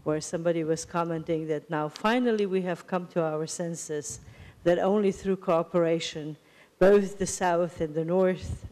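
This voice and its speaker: A woman's voice: lowish voice, mellow. A woman in her fifties, a professor on a university panel, explaining her points emphatically into a handheld mic. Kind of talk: panel discussion remarks. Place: lecture hall stage panel. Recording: long hall reverb.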